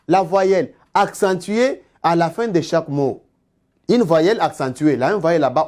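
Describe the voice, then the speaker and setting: A man teaching an exam-prep lesson, slowly repeating key words and asking his students rhetorical questions. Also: high-pitched. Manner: slow and deliberate, repeats key words, spells out terms; asks the class rhetorical questions.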